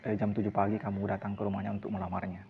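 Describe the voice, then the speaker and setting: Wise older cleric, voiced by a male storyteller, calm and instructive, low gravelly tone, lo-fi sound. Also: rapid-fire, long reverb tail. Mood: calm, advising. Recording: dull lo-fi recording, faint hiss.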